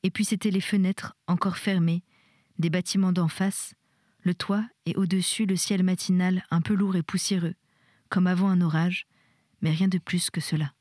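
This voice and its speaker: A woman reads a storybook aloud in a measured, expressive way, her voice sitting fairly low. The recording is dry and close, with no echo. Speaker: audiobook reader. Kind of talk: storybook narration.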